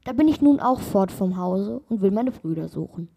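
A woman's voice: mid-range voice, animated, moderate pace, creaky, dark tone, slight background noise. A woman voicing an earnest young journeyman in a read-aloud fairy tale, calling out heartily.

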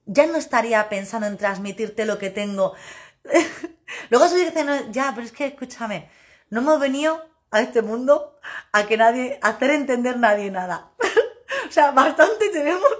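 A woman talks to her live-stream viewers as a personal development coach. Her voice sits a little high. She speaks loudly and emphatically and often breaks into laughter. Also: moderate pace.

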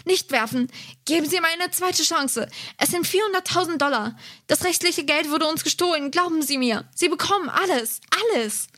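A woman's voice: high-pitched, normal speed, pushed and bright. A woman voicing a teenage boy detective who pleads frantically in a read-aloud story. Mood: desperate.

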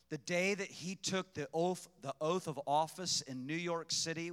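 Fervent male preacher, bright forceful tone, big echoing hall, emphatic sermon delivery. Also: a little high. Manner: fervent, emphatic, swings into loud preaching bursts. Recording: long reverb, echoey hall.

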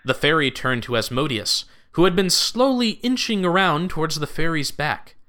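Male narrator for audio drama, high-ish, bright and animated delivery. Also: moderate pace. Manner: lively, expressive storytelling.

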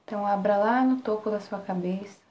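A Brazilian woman guiding a relaxation meditation in a soft, soothing spa-like manner, with long pauses between short phrases. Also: medium pitch, dull audio. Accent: Brazilian Portuguese. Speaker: meditation guide. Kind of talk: guided relaxation meditation, live. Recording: roomy echo, faint background noise.

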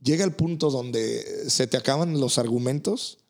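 A man, a pastor hosting a faith podcast, speaking earnestly with many halting restarts. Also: mid-range voice.

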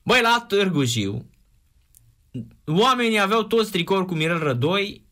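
A man in casual sports chat, an animated storyteller reminiscing about football. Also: high-pitched. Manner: animated storyteller, shouts imitations.

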